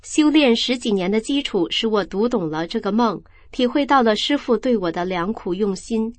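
A woman reading a first-person account aloud in a calm, measured storytelling voice. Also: fairly high pitch, no room sound.

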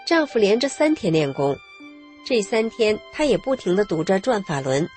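A woman calmly narrating her own story in a measured, scripted radio reading. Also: medium pitch, soft background music.

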